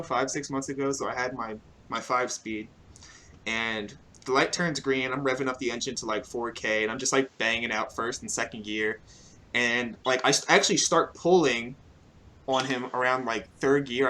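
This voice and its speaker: A man's voice: medium pitch, bright, forceful tone, slight background noise. A young man hosting a casual podcast, telling stories in a laid-back way with lots of fillers and laughs. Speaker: podcast host. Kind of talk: casual chat about car racing.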